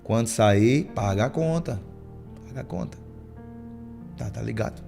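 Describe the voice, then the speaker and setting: Gravelly preacher man. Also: medium pitch, measured pace, music in the background. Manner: lively preaching, acting out church members' lines. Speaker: pastor. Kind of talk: sermon with storytelling.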